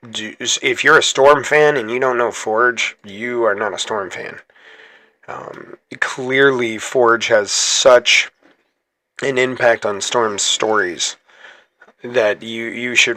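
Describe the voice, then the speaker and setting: A man's voice: mid-range voice, sharp tone, no room sound. A man hosting his gaming channel, chatting casually through gameplay, rambling and correcting himself as he goes. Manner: chatty, rambling, self-correcting, laughs easily.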